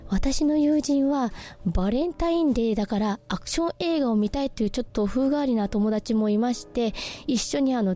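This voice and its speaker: A woman hosting a radio show, talking casually about films and reading listener messages with lots of soft fillers. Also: a little high. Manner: chatty, many soft fillers. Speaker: radio host.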